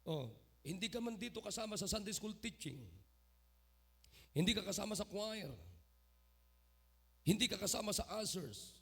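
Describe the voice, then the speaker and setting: A man pastor preaching a sermon in church, lively and mixing in English phrases, calling on members of the congregation by name. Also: sits high, normal speed, creaky, long pauses, slightly rough. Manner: mixes English phrases into his talk.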